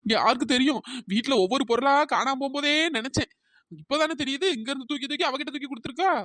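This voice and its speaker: A squeaky, high-pitched cartoon wife, as a voice actor plays her, rattling off accusations at a quick clip. She is suspicious, bossy and melodramatic, with a pitch-shifted cartoon tone. The sound is dry and close. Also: a bit bright, no room sound. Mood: scolding. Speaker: cartoon character. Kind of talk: comic cartoon dialogue.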